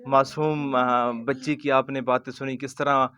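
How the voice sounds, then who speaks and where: A male host interviewing a family, speaking gently and soothingly, repeating reassurances. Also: medium pitch, level tone, clear, resonant tone, muffled recording. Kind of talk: street interview, consoling.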